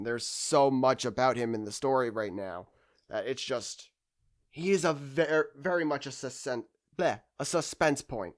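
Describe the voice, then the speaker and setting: A man with a fairly high, bright and forceful voice hosts an anime discussion video. The fan commentary is casual and unscripted, and he rambles and hesitates while collecting his thoughts.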